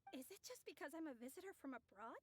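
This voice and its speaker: A woman's voice: high-pitched, big pitch swings, fast talker, a little hiss or hum. A woman playing a composed, courteous young witch in a video game, speaking with polite theatrical confidence. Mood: coy.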